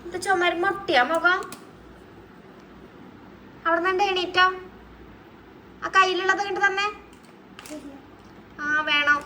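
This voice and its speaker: A woman's voice: very high voice, takes it slowly, long pauses, sharp tone, slight background noise. A woman, a mother, coaxing her small child in a sing-song way at home. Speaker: mother talking to her toddler.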